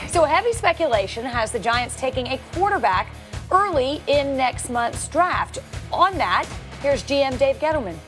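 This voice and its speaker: Brisk woman hosting a TV sports show. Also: high-pitched, sing-song, soft background music. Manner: brisk, playful banter with co-hosts. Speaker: studio host. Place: TV studio.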